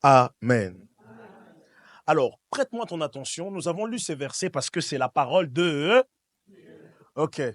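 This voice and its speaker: A slightly high-voiced man from Switzerland, very animated and a little slow with long pauses, preaches an emphatic, repetitive sermon directly to his congregation at a church service. He is a pastor leading call and response, and the studio-quality recording has no room sound.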